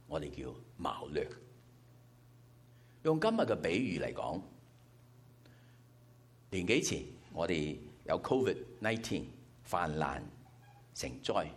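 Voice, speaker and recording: Very deep-voiced man preaching. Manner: explanatory, working through numbers step by step. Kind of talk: sermon.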